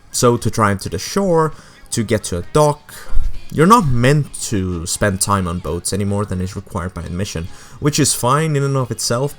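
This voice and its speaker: A young adult man narrating a video game essay with sarcastic, wry asides. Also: fairly low pitch. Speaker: game commentator.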